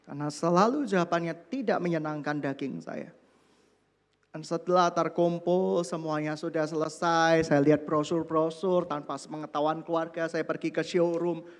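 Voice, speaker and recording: A man with a high-pitched voice preaches in a church hall, his words carrying a long reverb. He tells his stories with animation, acting out his own prayers and moving between quiet asides and loud outbursts. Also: fairly even intonation, moderate pace. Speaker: pastor. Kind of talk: sermon.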